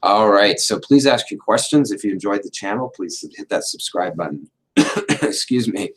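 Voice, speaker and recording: A middle-aged doctor hosts a livestream, explaining things in an unhurried, casual way with many fillers. His voice is on the low side, a bit bright, with lively intonation, and a little hoarse because he is losing it.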